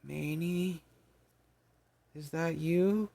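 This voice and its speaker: A man reading an audiobook, voicing a tiny winged fairy woman with a squeaky voice who speaks weakly and falters. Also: steady tone, vocal fry, warm tone, no echo, full character voice. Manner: faltering, halting speech.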